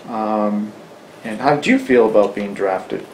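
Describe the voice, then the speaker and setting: A man asking measured questions as an oral-history interviewer. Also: fairly low pitch, slight background noise, rough recording.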